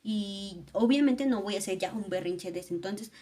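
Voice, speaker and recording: A woman's voice: medium pitch, moderate pace, mellow. A young woman, thinking aloud in an earnest, reflective personal vlog. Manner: earnest, thoughtful, musing aloud. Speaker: vlogger.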